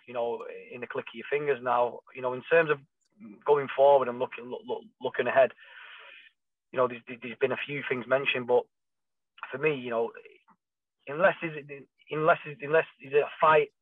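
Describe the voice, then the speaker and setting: A thin, dry, phone-like line carries a man talking as a boxing trainer. He speaks quickly and emphatically, in a casual, conversational interview style. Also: medium pitch, no room sound.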